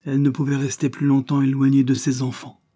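A man reading the part of a grave husband who confides a painful secret, in a solemn, measured manner. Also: medium pitch, monotone, mellow, voice pushed up, close to an everyday voice.

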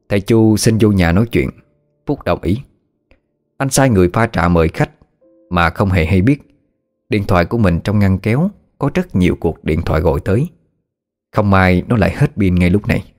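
A man narrating a story in a steady, plain manner. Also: low voice. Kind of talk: storytelling audio drama narration.

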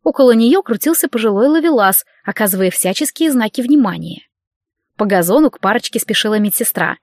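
Woman reading a first-person audiobook, wry and lively; slightly high voice, dry close sound. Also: brisk, no room sound. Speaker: audiobook narrator.

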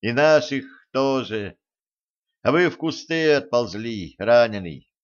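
A man's voice: medium pitch, animated, slow, highs cut off. A man voicing an earnest fourteen-year-old village boy in a wartime audiobook, with a thin, breaking voice and urgent delivery.

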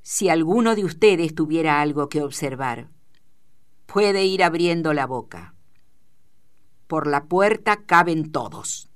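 A woman voicing a harsh, stern male ranch boss who gives orders in a rough tone. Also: low-pitched, unhurried. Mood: commanding. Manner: rough, commanding.

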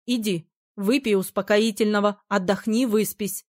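A woman's voice: mid-range voice, steady tone, moderate pace, no echo, clean studio sound, close to an everyday voice. A woman reading the lines of a domineering male battle mage, commanding and silky by turns. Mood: softened. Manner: commanding, then silky and menacing.

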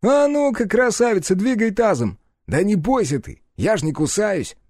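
A man voicing a crude, cocky young male partner who talks in a loud, mocking way. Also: sits high, big pitch swings, brisk, no room sound, studio quality, pitched above the performer's own voice. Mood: brash mocking.

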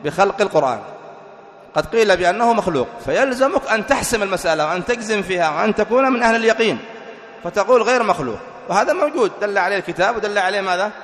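A high-pitched man giving a religious lesson, setting questions to his listeners and answering them himself. His voice rings out with long reverb in a large hall. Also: animated, racing, fairly bright tone. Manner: explains point by point, asks and answers his own questions. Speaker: sheikh teaching a creed text. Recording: echoey hall recording.

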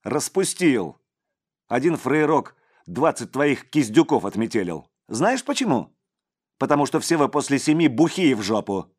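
A man's voice: mid-range voice, sing-song, normal speed, pitched above the performer's own voice. A man doing a barking crime boss. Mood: scolding. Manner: barking, scolding commands. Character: domineering middle-aged male crime boss.

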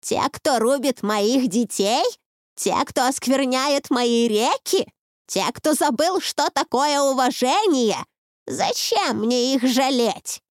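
A woman voicing an ancient, wrathful forest witch in an audiobook, with a creaky, icy voice and slow, scornful speech. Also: mid-range voice, big pitch swings, dry recording, clean studio sound. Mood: contemptuous. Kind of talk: audiobook reading.

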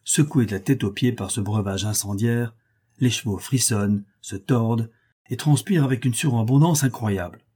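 A man reading a novel aloud as an audiobook narrator, in a measured, descriptive manner. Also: mid-range voice, dark tone, breathy edge.

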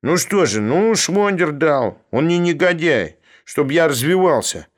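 A man's voice: a little high, sing-song, a little slow, voice pushed up. A coarse, sullen young man who was once a dog, as a male reader puts him on, whining and grumbling in a storybook reading. His voice sits well above the reader's own, thin and defensive. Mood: sulky. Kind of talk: audiobook reading.

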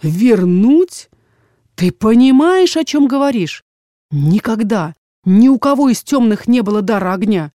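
A woman's voice: a little high, lively intonation, a little slow, warm tone, no echo, studio quality, voice pushed up. A woman reading the part of a stern, domineering middle-aged father in an audiobook, speaking in a commanding, cold and dismissive way.

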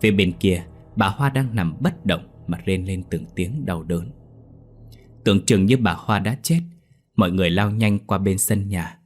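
A man narrating a scripted horror story in a lively storytelling manner. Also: low voice, normal speed.

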